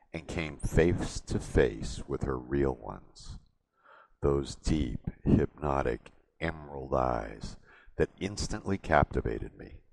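A man narrating a story in the first person in a slow, steady reading. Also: extremely low pitch, vocal fry, dry recording.

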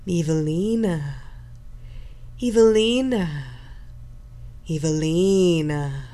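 A woman voicing a commanding, possessive female hypnotist, with a sultry, hypnotic voice and slow, drawn-out repeated commands. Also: on the low side, warm tone. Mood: coaxing. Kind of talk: hypnosis story reading.

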